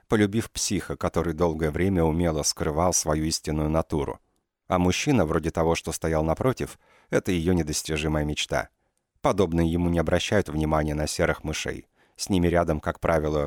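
A male narrator reads an audiobook in a very low voice. His delivery is measured, with a dry ironic edge. The recording is close and dry with no room sound. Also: no room sound. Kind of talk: scripted narration.

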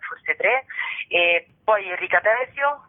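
Interviewed on the radio by telephone, an actress chats casually in a mid-range voice with lively intonation, taking her time. The line sounds narrow and tinny.

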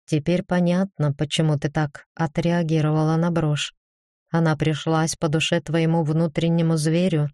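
Woman voicing a stern caring female dean, firm, low voice, dark tone, audiobook. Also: little pitch movement, no room sound, clean studio sound, lightly acted. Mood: coaxing. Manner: firm, brisk, then coaxing. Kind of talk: audiobook character reading.

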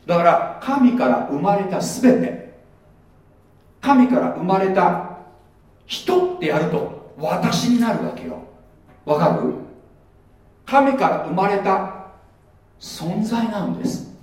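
A middle-aged man preaches in a high, swooping voice that rises and falls freely. He keeps it conversational, quizzing his listeners as he goes. The sound is heavily echoey and picked up from well back in a large hall. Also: darkish tone. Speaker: pastor. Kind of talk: sermon. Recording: echoey hall, mic far off.

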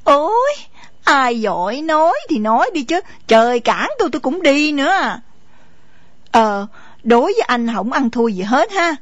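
A woman's voice: sits high, big pitch swings, unhurried, no room sound, exaggerated voice. A woman voicing a proud, sulky young wife with a Southern Vietnamese accent, talking in a mocking, sarcastic way. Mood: defiant. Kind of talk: radio drama acting. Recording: dull lo-fi recording, faint music.

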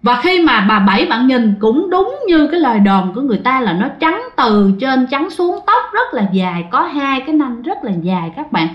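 A woman's voice: high-pitched, big pitch swings, moderate pace, few pauses. A woman who narrates ghost stories in a chatty, casual way and keeps addressing her listeners. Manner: chatty, addresses the audience often. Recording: dull, roomy recording.

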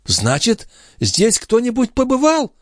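A man doing a shrill old concierge woman. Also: wildly swooping pitch, unhurried, dry recording, clean studio sound, heavily acted. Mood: shrill indignant. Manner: whiny, indignant, sugary.

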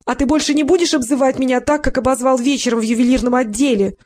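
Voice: sits high, sing-song, a little fast, darkish tone, pitched above the performer's own voice. A reader doing a shrieking quarrelsome wife. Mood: indignant. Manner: shrieking, indignant. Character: plump shrill quarrelsome wife.

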